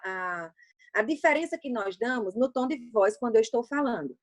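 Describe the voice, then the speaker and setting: A middle-aged woman from Brazil coaching on public speaking, teaching step by step and answering her own questions. Her voice sits fairly high, and the sound is dry and close, with no room around it. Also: dry recording. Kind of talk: explanatory talk on a livecast.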